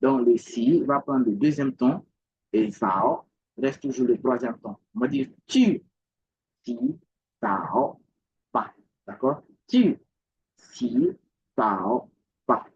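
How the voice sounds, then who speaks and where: Slow, husky man teaching Mandarin. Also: mid-range voice, muffled recording. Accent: Ivorian French. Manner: repeats each word slowly, asks checking questions. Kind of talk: language lesson.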